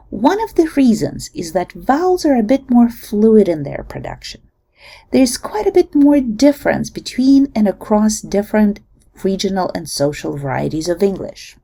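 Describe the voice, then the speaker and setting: A woman giving a recorded linguistics lecture, explaining in a measured way and demonstrating sounds aloud. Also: mid-range voice, creaky, mellow.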